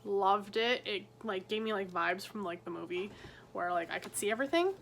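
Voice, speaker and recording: A woman chatting casually about books she read, full of "like" and quick asides. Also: mid-range voice, vocal fry, a bit bright, slight background noise. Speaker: book vlogger. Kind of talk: casual book review chat. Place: at home on her bed.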